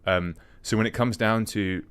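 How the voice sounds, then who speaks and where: A man's voice: fairly low pitch, fairly even intonation, normal speed, a bit bright, clean tone. A man hosting a podcast interview, asking long, winding questions. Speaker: podcast host. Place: podcast studio.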